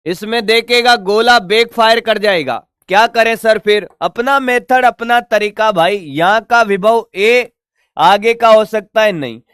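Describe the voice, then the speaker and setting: Male physics teacher, casual teasing lesson, high voice, smooth and dry. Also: a little slow, a bit bright, dry recording. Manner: chatty, teasing, answers his own student questions. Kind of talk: online physics lesson at a board.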